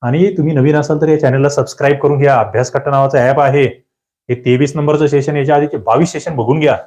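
A man's voice: mid-range voice, quick pace. Man teaching an exam-prep lecture. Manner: lively teacher drilling questions, asking the students questions.

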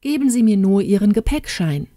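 A woman voicing a kind, courteous young gentleman traveller who speaks calmly and helpfully. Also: medium pitch, brisk, dry recording, clean studio sound, close to an everyday voice.

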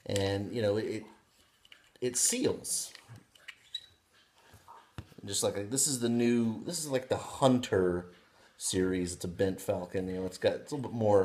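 A man in his thirties chatting casually on his living room couch, showing off pipe bowls with excited, rambling talk full of restarts. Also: lowish voice. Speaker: pipe hobby vlogger. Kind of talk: casual unboxing vlog.

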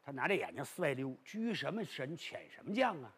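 A male storyteller performing traditional Chinese storytelling in an animated, dramatic and rhythmic way, with a raspy voice. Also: fairly high pitch, brisk. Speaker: pingshu storyteller.

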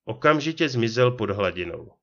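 A man reading a short horror story aloud in a steady, measured narration, on a dull lo-fi recording. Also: medium pitch. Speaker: audiobook reader.

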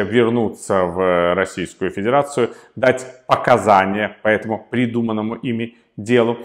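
Male commentator, lower pitch, deliberate delivery with frequent filler pauses. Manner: measured, frequent hesitation fillers. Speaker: political commentator. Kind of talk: solo video commentary.

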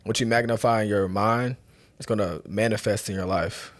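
A man's voice: lowish voice, steady tone, moderate pace. A man co-hosting a podcast, talking earnestly about faith and mindset in casual chat. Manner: earnest, reflective, quotes sayings. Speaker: podcast co-host.

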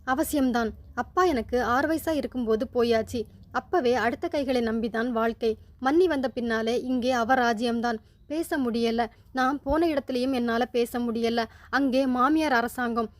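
A woman voicing a defiant, bitter young widow who speaks in sharp, cutting retorts. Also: on the high side, normal speed, close to an everyday voice. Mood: pleading.

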